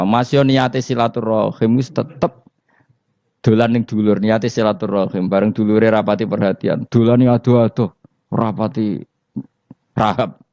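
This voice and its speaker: A man's voice: on the low side, vocal fry, mellow, no room sound. A man with a Javanese accent giving a religious lecture, telling humorous stories and quizzing his listeners. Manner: humorous storytelling, quizzing the audience. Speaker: Islamic preacher. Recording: dull lo-fi recording.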